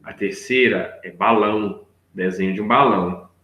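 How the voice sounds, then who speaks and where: A man's voice: lowish voice, moderate pace, muffled recording. A male teacher patiently going over worksheet answers for young children step by step, often checking in with his listeners. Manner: patient, step-by-step, checks in with 'right?' and 'look here'. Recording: echoey room.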